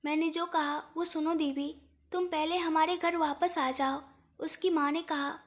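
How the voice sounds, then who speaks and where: Woman, high voice, scripted story narration, same plain voice for every character. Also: steady tone, unhurried.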